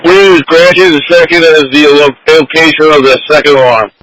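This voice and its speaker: A man's voice: on the high side, steady tone, moderate pace, a bit bright. A man speaking as a firefighter on scene in working fireground radio traffic. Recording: noisy, clicking fire radio.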